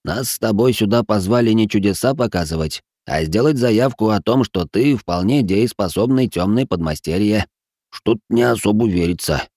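A man's voice: on the low side, expressive, normal speed, darkish tone, no room sound, studio quality. A man voicing a sheepish, apologetic old wizard who teaches magic, in an audiobook reading. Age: older. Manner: apologetic, sighing.

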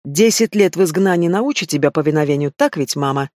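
A man's voice: on the high side, expressive, brisk, a little mellow, no echo, natural voice. A man reading the part of a stern, commanding young werewolf pack alpha in an audiobook. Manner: commanding, clipped.

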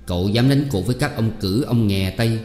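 An earnest middle-aged father , read by a man, lays out his point one measured sentence after another. The tone is mellow and rounded. It rings in a reverberant hall with faint music underneath. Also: on the low side, natural voice. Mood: lecturing.

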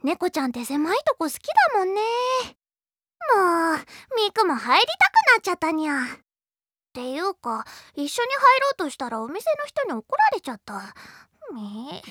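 A woman's voice: very high-pitched, big pitch swings, moderate pace, dry recording, studio quality, exaggerated voice. A woman voicing a cheeky, stubborn fifteen-year-old cat-like girl idol hosting a radio show, ending her phrases with "nya" cat sounds. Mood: chatty. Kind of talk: anime radio drama. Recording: loud music behind the voice. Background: children's music.

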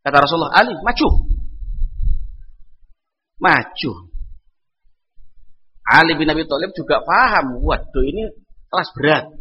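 A man's voice: a little high, normal speed, long pauses, dull audio. A man, preaching a sermon and telling a story animatedly, acting out the voices of the people in it. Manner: animated, acts out dialogue, mixes in Javanese phrases. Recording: long hall reverb.

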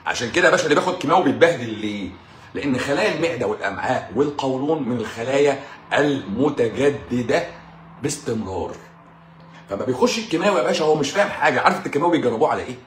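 A man's voice: medium pitch, expressive, very fast, reverberant, slight background noise. A man with an Egyptian Arabic accent, a doctor hosting a live stream in a casual monologue, mocking and combative, repeating his points for emphasis.

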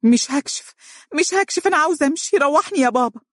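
Reader doing a tearful young Egyptian woman patient, high and strained, dry audiobook sound. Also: racing, darkish tone, slightly rough, no echo, lightly acted. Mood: distressed. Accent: Egyptian Arabic.

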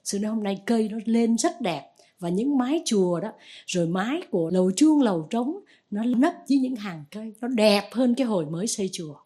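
A Buddhist nun giving a conversational Dharma talk, telling stories and gently exhorting. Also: female voice, mid-range voice, expressive, brisk.

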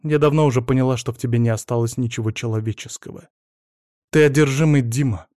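A man's voice: mid-range voice, fairly even intonation, quick pace, darkish tone, dry recording, studio quality, close to an everyday voice. A man voicing a bitter, wounded young wife. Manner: bitter, reproachful. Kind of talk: audiobook character reading.

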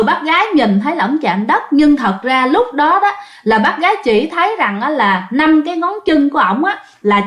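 Chatty woman telling ghost stories. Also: high-pitched. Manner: chatty, addressing listeners directly. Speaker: storyteller. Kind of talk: ghost story narration. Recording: echoey room.

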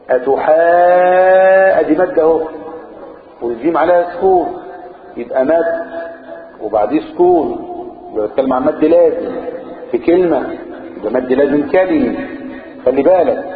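A man with an Egyptian Arabic accent teaching Quran recitation rules, chanting the verses slowly and quizzing his students between quick explanations. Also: medium pitch. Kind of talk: explaining tajweed rules in a lesson. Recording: echoey room over a tinny phone-like line.

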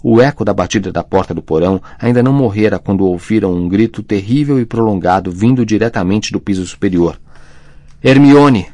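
A man tells the story as an audiobook narrator, deep-voiced and measured. His reading is dramatic but steady. The recording is close and dry, with no room sound. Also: no echo.

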